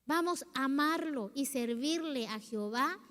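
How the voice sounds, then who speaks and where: Woman pastor, middle-aged, high voice, heartfelt confessional sermon, long church reverb. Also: unhurried, a bit bright. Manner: emotional, confessional preaching with quoted prayers. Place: church sanctuary.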